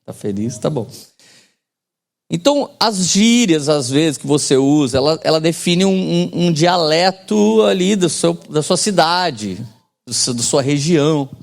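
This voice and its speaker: A man's voice: on the high side, unhurried, gravelly. A man in his forties preaching a sermon as pastor, in a casual joking manner with slang and call-and-response to the congregation.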